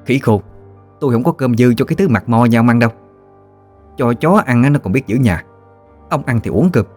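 A man's voice: medium pitch, expressive, a little fast, a little mellow, faint music behind, pitched above the performer's own voice, close to an everyday voice. A man voicing a quarrelsome village wife who trades biting insults in a Southern Vietnamese accent. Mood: scornful.

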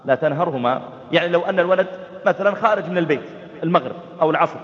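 A man preaching a sermon, telling lively stories, acting out family dialogues and chanting verses. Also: a little high, rapid-fire. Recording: dull, reverberant hall recording.

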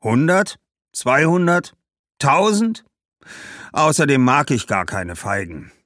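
Narrator as a shrewd grumbling shoemaker, animated and skeptical, dry close sound. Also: male voice, mid-range voice, slow, no echo, pitched above the performer's own voice. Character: gruff, shrewd middle-aged male shoemaker.

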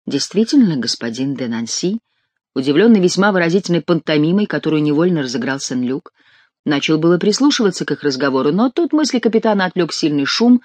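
A man narrating a literary audiobook with an expressive storytelling reading on a close mic. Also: a little high, quick pace, no room sound.

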